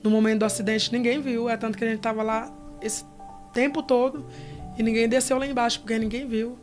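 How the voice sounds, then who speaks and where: A woman with a fairly high voice tells her story in an earnest, vivid testimony. Soft music plays faintly behind her. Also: flat delivery, a little fast. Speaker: interview guest. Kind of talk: emotional testimony.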